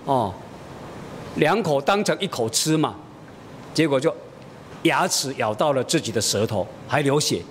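A man's voice: lively intonation, a little slow, long pauses. A middle-aged man preaching a sermon, telling a family story in a homely way and acting out the dialogue. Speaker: pastor. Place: church. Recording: reverberant church hall, faint rumble.

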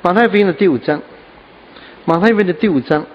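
A man's voice: high-pitched, expressive, quick pace, big-room sound, dull audio, slight background noise. A man preaching a sermon, dropping "ah" and "ha" fillers. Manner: scattered with "ah" and "ha" fillers, earnest. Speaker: pastor.

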